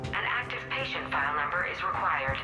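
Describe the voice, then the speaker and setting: A calm, high security terminal in a game. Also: male voice, fairly quick. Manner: flat, clipped announcements. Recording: echoey game audio over loud music.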